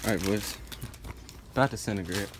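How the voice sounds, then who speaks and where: A man's voice: lowish voice, brisk. A young man vlogging casually with friends, talking like a rowdy frat bro with slang and swearing. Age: young adult. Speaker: prank vlogger. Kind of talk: casual handheld vlog chat with friends. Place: large retail store, indoors. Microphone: handheld camera, later a phone. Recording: very noisy camera audio, store ambience.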